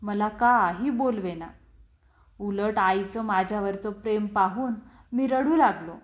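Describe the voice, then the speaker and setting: A woman reading a children's story aloud in an expressive, deliberate storytelling manner. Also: medium pitch. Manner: slow, expressive, acts out quoted lines. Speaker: story reader. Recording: roomy echo.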